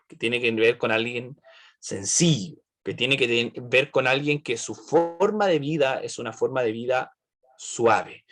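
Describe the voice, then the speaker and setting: A man's voice: fairly high pitch, fairly bright tone. A man leading an online Bible study, asking the group questions and checking in with "right?".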